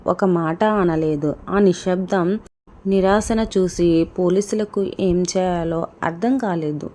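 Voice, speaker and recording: A woman's voice: lowish voice, warm tone. A woman narrating a dramatic story in scripted storytelling style.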